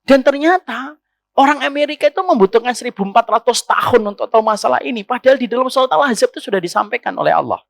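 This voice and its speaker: A man's voice: very high-pitched, expressive, fast talker, vocal fry, no echo. A man preaching a sermon to a women's study circle, addressing the listeners as ma'am and asking them rhetorical questions.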